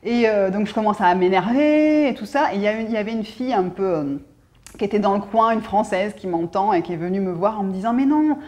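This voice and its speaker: A woman's voice: medium pitch, quick pace, darkish tone. A woman from France, chatting casually to camera as a vlogger, telling a story with lots of fillers and restarts. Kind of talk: casual chat.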